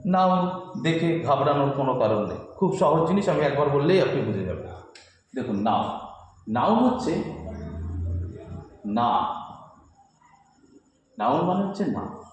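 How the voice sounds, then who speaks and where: A man's voice: fairly high pitch, big pitch swings, a little hiss or hum. Reassuring male teacher in a very echoey room. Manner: repetitive, reassuring, quizzes listeners with quick questions; writes on and wipes a board while teaching. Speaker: English teacher. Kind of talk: classroom lesson.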